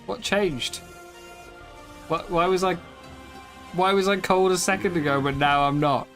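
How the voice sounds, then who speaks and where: A man's voice: high-pitched, fairly even intonation, unhurried, a bit bright, soft background music. Tired, rambling male game streamer. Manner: rambling, with frequent ums and self-corrections. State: tired and yawning. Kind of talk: casual live gameplay commentary.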